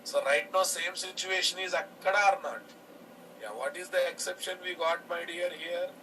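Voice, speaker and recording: A man's voice: sits high, normal speed, bright, forceful tone. A man with a Telugu Indian accent giving a live programming lecture, repeating his phrases and checking in with questions to his students. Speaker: programming instructor. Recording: distant mic, background noise.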